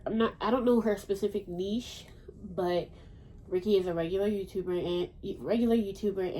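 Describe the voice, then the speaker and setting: A woman with a mellow, soft-edged voice hosts her podcast as a casual, unscripted chat. She rambles from thought to thought, speaks bluntly and swears without a second thought. Her pitch sits in the middle range for a woman. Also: low-quality recording. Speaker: podcast host.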